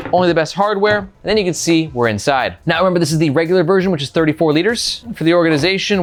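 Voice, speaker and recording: A man's voice: on the high side, fairly bright tone. A man giving a casual product review, chatty and playful, with slang and jokes. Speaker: bag reviewer.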